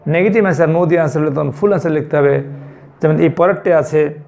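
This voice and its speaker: Gravelly-voiced male teacher, repeating slowly. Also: fairly high pitch, a little mellow. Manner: explains step by step, repeats words slowly. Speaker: school English teacher. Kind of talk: online class lesson.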